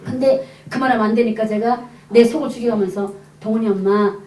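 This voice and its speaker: A woman evangelist giving a lively testimony sermon to a congregation, acting out the dialogue in her story. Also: a little high, quick pace. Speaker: evangelist preacher. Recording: echoey hall, mic at a distance.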